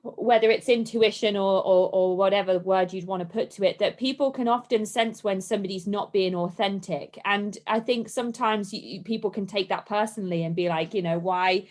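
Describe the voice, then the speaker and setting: A woman hosts a conversational podcast interview. She listens with encouragement, responds with short affirmations, and then reflects on her guest's story at length in an even, middle-pitched voice. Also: brisk, hardly any pauses. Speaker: podcast host.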